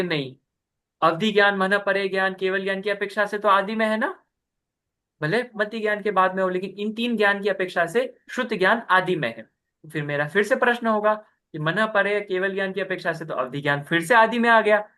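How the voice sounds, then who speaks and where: A man's voice: sits high, a little fast, pushed and bright, smooth. A young man teaching a scripture class over a video call. He explains step by step and keeps checking in with his students. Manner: patient, explains step by step and often asks "ठीक है".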